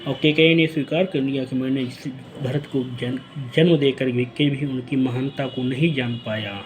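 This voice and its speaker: A man's voice: mid-range voice, steady tone, moderate pace, darkish tone, a little hiss or hum, poor audio. A man teaching a poetry lesson, reciting verse lines and then explaining them phrase by phrase.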